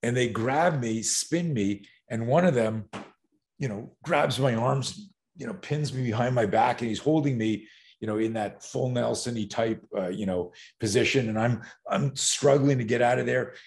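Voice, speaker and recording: A middle-aged podcast guest spins a lively story for the interview, performing voices and sound effects and breaking into laughter frequently. He speaks at a moderate pace with a medium-pitched, darkish voice.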